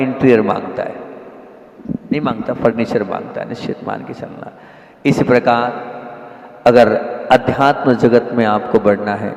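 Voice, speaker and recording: A man's voice: medium pitch, darkish tone. A man delivering a sermon, questioning his listeners and repeating key phrases with rising emphasis. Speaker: Jain monk preacher. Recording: echoey hall with long reverb.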